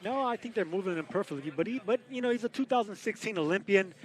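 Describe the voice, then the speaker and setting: A man's voice: high voice, lively intonation, fast talker. A man giving conversational boxing analysis on a live sports broadcast.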